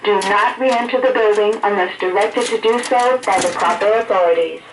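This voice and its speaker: Calm evacuation message over a PA speaker. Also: mid-range voice, normal speed. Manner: calm, formal, evenly paced. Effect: recorded evacuation message over a fire alarm speaker. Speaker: automated alarm announcement. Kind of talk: slow, measured public announcement. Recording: echoey, distant, noisy alarm speaker.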